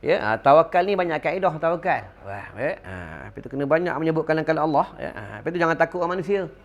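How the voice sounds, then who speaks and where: Malaysian religious teacher, middle-aged man, higher than usual pitch, animated lecture with audience asides. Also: fast talker, lo-fi sound. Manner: animated storytelling with call-and-response fillers.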